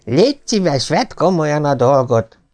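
A man's voice: on the high side, sing-song, darkish tone, voice pushed up. A man doing a stern old lord scolding his son. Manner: scolding, commanding.

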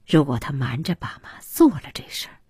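A woman narrating an audiobook in a slow, soft and intimate way. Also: low voice, big pitch swings, husky, no echo, clean studio sound.

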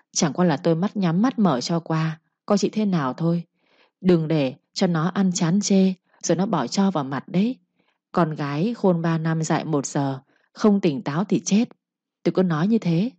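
Bà Thản nags and lectures, sharp-tongued yet low and mellow, as a woman narrator puts her on. The sound is dry and dull, a lo-fi storybook recording. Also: moderate pace, husky, no echo. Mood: nagging. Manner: nagging, lecturing with proverbs. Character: sharp-tongued scolding village mother.

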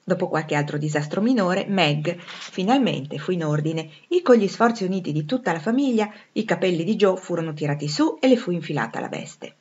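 A woman's voice: lowish voice, expressive, fairly quick, hardly any pauses, darkish tone, breathy edge, highs cut off. Woman reading a classic novel aloud. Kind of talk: storybook narration.

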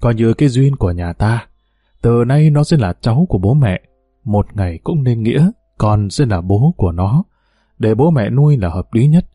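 Elderly father figure, calm and fatherly , read by a man in his warm, dry voice. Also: medium pitch, normal speed, slightly rough, dry recording. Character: elderly village father, wise.

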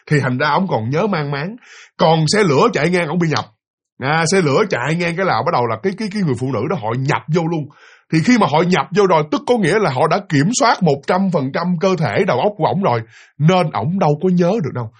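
Male storyteller, husky, lively swings in pitch, chats to listeners. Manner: animated, addresses listeners directly, acts out quotes. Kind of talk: spoken ghost story telling.

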